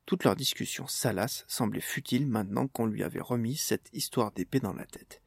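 A man reading a storybook aloud, steady and measured. His voice carries a gravelly texture and sounds dry and close, with no room around it. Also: lowish voice, no room sound. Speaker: narrator. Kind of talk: storybook narration.

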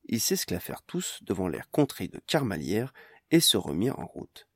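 A man narrates a fantasy audiobook with animated storytelling. His voice is low but moves lively in pitch. The recording is dry and close. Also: normal speed, breathy edge, dry recording. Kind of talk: scripted narration.

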